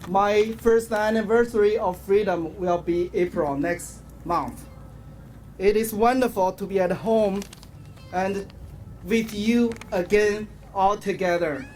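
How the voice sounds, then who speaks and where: A Chinese man with a Chinese accent, speaking as an activist at an outdoor rally in front of a public building, delivers a solemn, formal prepared speech with deliberate phrasing. His voice is high with a darkish tone, and faint outdoor ambient noise sits in the background.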